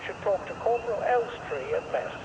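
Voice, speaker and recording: A formal, official announcer reads camp notices over a loudspeaker in a video game. His voice sits high and moves up and down a lot, yet he keeps a deadpan tone. Faint noise hums behind the broadcast. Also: moderate pace, muffled recording.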